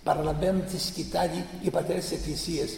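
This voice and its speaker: Male lecturer, gravelly and fervent, emphatic repetition; distant mic in a roomy hall. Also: fairly high pitch, fairly even intonation, darkish tone, slight background noise. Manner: fervent, emphatic, piles up repeated phrases. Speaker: speaker giving a talk on church tradition. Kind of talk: impassioned public lecture. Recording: echoey hall from far off.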